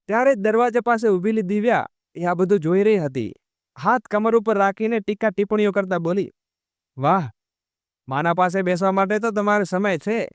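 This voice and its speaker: A man narrating a moral story at a steady pace and calling his listeners friends. His voice is fairly high for a man and very smooth and clear, recorded close with no room sound. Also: no room sound.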